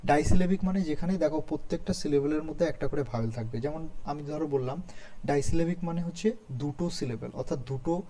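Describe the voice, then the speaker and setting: A man with a mellow, warm voice and a Bengali accent teaches an online beginners' English lesson. He explains patiently, repeats key points and keeps checking that his students follow. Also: fairly high pitch, fast.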